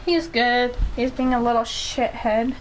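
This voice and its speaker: A woman with a fairly high voice chats with her partner in an offhand, teasing way. A faint hiss sits under her talk. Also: steady tone, measured pace, poor audio. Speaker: streamer's partner. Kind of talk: casual chat.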